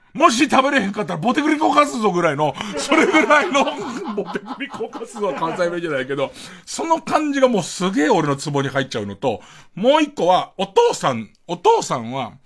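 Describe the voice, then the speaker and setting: Husky, animated middle-aged radio man. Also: sits high. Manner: rambling, self-mocking, chuckling asides. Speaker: radio host. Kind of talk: late-night radio monologue.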